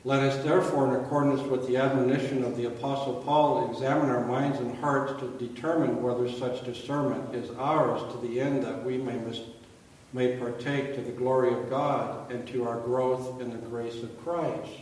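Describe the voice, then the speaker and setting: Pastor's voice in a cathedral echo. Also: male voice, medium pitch, steady tone, moderate pace, a little mellow. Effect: cathedral echo, voice ringing through a large hall. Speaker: pastor leading a communion service. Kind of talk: sermon and spoken liturgy. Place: large church sanctuary, indoors. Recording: echoey hall, voice picked up from far off, faint background hum.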